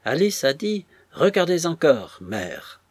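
A man's voice: a little high, sing-song, normal speed, darkish tone, husky, no echo, pitched above the performer's own voice. A man voicing a composed young woman stranger who answers in short, unmoved replies. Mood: insistent.

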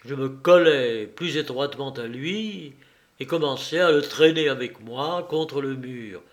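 Slow, measured male audiobook narrator. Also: mid-range voice. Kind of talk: audiobook reading of a first-person novel.

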